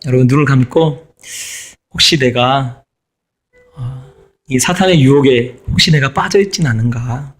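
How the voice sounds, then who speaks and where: A man's voice: medium pitch, unhurried, pauses often, husky. A middle-aged man preaching a sermon as pastor, stressing and repeating his key phrases.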